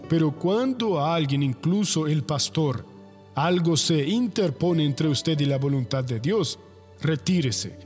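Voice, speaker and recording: A man's voice: a little high, long reverb tail. An older man preaching a sermon, emphatic and asking rhetorical questions he answers himself.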